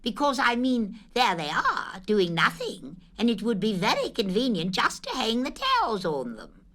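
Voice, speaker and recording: Rabbit, a fussy, bustling storybook rabbit, as a woman puts him on, chirping high above the narrator's voice with a prim, bossy politeness. His pitch leaps and swoops about, and he clips through his words. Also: wildly swooping pitch, a bit bright, full character voice. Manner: brisk, fussy, proper. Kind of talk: storybook reading.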